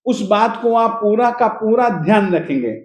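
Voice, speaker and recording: A man teaching how to pronounce a Sanskrit hymn. He repeats each word slowly, spells out its syllables and sometimes chants the verse in a sing-song way. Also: high voice, animated, darkish tone, reverberant. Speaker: recitation teacher. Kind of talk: slow pronunciation lesson of a Sanskrit hymn.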